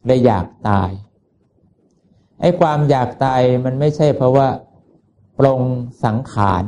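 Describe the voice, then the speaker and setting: A man's voice: medium pitch, unhurried, dark tone, lo-fi sound. A man giving a Buddhist sermon in a folksy, conversational way, asking his listeners rhetorical questions. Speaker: Buddhist preacher.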